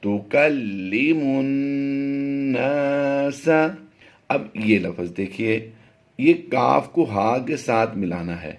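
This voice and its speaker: A middle-aged man with a fairly low voice leads a tajweed lesson. He spells the letters out one at a time and then stretches the words into a slow, chanted recitation. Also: expressive, gravelly. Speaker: Quran recitation teacher.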